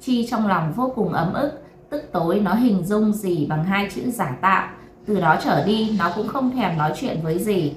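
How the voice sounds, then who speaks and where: A woman host narrating late-night stories in a calm, even reading voice. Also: mid-range voice, normal speed. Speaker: storyteller host. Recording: roomy echo, faint noise.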